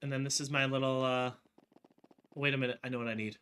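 A host chatting casually while playing a co-op cooking game, laughing often and bursting into excited yelling. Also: mid-range voice, quick pace. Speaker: host and player. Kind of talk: casual co-op gameplay chat. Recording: noisy gameplay recording.

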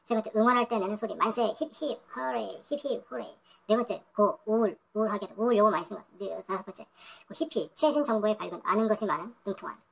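A woman's voice: medium pitch, racing, creaky, slightly rough. A woman going through English vocabulary entries one by one, repeating each word several times and adding her own remarks. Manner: repeats words over and over, thinks aloud. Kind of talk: reading dictionary entries aloud with comments.

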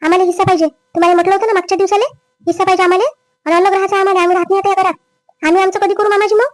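A woman playing a greedy, scheming young wife in a family drama skit, with a quick, complaining manner. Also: extremely high pitch, level tone, dry recording. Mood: demanding. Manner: quick, complaining, rising whine. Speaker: daughter-in-law.

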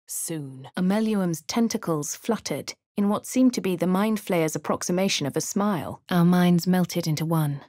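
Speaking in a posh English accent, a woman voices a posh young female adventurer for a game, moving between quiet inner narration, hushed whispers and shouted spell incantations in a brooding mood. Her natural voice is lowish, at normal speed with hardly any pauses. The recording is dry and studio quality.

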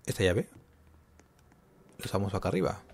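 A man's voice: low voice, moderate pace, slightly rough. A man giving casual gameplay commentary, talking to himself and getting jumpy and scared as he plays. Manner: jumpy, talks to himself while playing.

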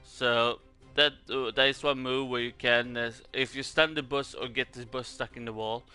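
A man's voice: mid-range voice, fairly even intonation, moderate pace, bright, forceful tone, clean tone, faint music behind. A man from Sweden with a Swedish accent gives casual game commentary in a hesitant, rambling way, repeating words as he goes. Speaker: gaming video creator.

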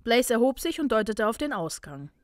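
A woman reading a fan story aloud in a calm, even storytelling manner. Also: fairly high pitch, fairly quick, no echo, clean studio sound. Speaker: fanfiction reader.

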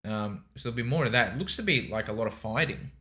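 A man's voice: medium pitch, lively intonation, quick pace, pushed and bright. A young man chatting casually as a reaction host, in hesitant, rambling phrases. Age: young adult. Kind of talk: casual chat commentary. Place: small indoor home studio. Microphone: microphone on a desk boom arm.

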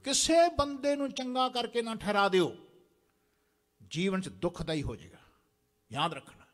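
A man's voice: high voice, moderate pace. A man preaching a sermon in a large temple prayer hall, exhorting the congregation and having them repeat lines after him. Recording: long hall reverb.

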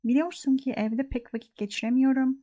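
A young woman commentating her game in a relaxed, mellow voice set a little high. She reacts on the spot, jokes at what happens and swears freely. The sound is dry and close. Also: fairly quick, no echo. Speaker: gaming channel host. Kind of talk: casual let's-play commentary.

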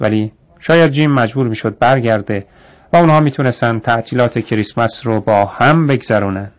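A man narrating a radio story in a measured way, slowing down on descriptive phrases. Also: mid-range voice.

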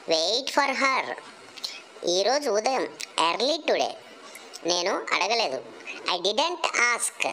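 A woman teaching English phrases, reading each one slowly after its Telugu translation. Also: fairly high pitch, a bit bright, a little hiss or hum, poor audio. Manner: slow, deliberate reading of phrase pairs.

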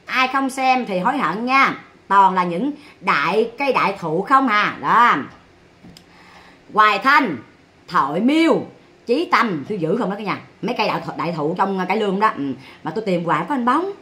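A woman's voice: mid-range voice, expressive, moderate pace, pushed and bright. A woman with a Southern Vietnamese accent, ranting sarcastically and bluntly on a livestream.

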